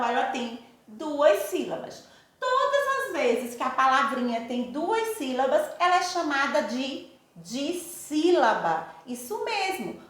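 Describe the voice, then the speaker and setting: A Brazilian woman teacher giving a recorded lesson to young pupils, affectionate and sing-song, addressing them slowly and warmly. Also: extremely high pitch. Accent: Brazilian Portuguese. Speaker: primary school teacher. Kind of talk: recorded remote lesson for children. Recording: echoey room.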